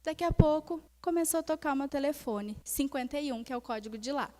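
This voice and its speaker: A young woman minister with a high voice tells a personal testimony from the pulpit. She keeps it animated and speaks straight to her congregation, drawing them into the story. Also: fast talker. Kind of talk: testimony in a sermon.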